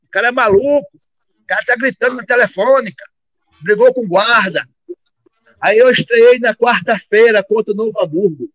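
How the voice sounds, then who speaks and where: A former football player telling a funny anecdote loudly, acting out the voices in it. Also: male voice, high voice, normal speed, no room sound. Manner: loud, acts out dialogue, shouting quotes. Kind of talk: lively anecdote on a call. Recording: dry dull lo-fi call audio.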